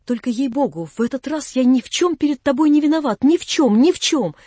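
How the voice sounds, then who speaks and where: A woman voicing an eager, flustered young nobleman who pleads his innocence in an excited, rushed way in a storybook reading. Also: high voice, dry recording. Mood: excited pleading.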